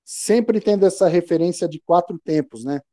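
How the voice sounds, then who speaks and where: A man's voice: high-pitched, normal speed, dark tone, no echo, clean studio sound. A man with a Brazilian Portuguese accent teaching percussion online, explaining patiently and chanting rhythm syllables aloud. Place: home room.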